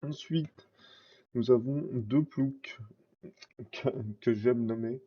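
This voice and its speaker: The recording is muffled, and the man's husky, mid-range voice moves at a slow pace through a scratchy throat. He talks casually about his card collection, rambling and filling his speech with fillers and self-corrections.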